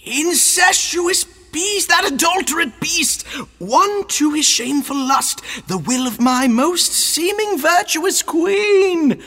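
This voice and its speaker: An actor playing a young man who puts on a grand, shouty ghost-father voice with old-fashioned speech. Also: very high voice, expressive, takes it slowly, full character voice. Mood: booming theatrical.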